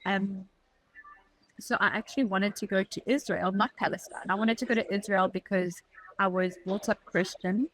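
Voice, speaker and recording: A woman with a South African accent recounts her own experiences as a podcast guest. Her voice sits at a middle pitch and comes in earnest, reflective, slightly halting phrases. The sound is close and dry, with no room around it. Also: dry recording, rough recording. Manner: earnest, reflective, talks in short halting bursts. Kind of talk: personal storytelling in an interview.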